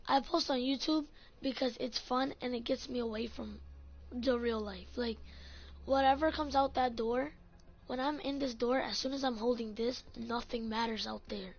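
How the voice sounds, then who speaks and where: A woman ranting in a casual vlog about her gaming clan, swearing often and saying "like" a lot. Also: on the high side. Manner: ranting, profane, full of "like". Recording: dull lo-fi audio, faint music.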